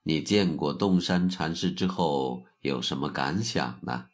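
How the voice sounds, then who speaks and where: A man voicing a calm, wise older male Zen master in a told story. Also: rumbling low, measured pace.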